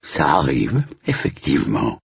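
A man voicing a kind old male butler who talks calmly and reassuringly. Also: extremely low pitch, measured pace, creaky, breathy edge, no room sound, muffled recording, heavily acted. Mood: gentle.

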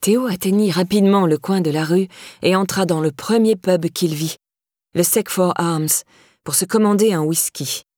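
Low, breathy woman reading a novel. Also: moderate pace, a little mellow, no echo, clean studio sound. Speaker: audiobook narrator. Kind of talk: scripted novel narration.

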